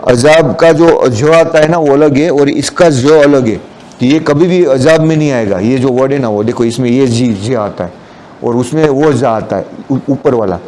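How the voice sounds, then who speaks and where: A man's voice: medium pitch, normal speed, a little mellow. A man giving a Friday sermon, explaining the meanings of scripture words and mixing in English terms. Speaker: preacher.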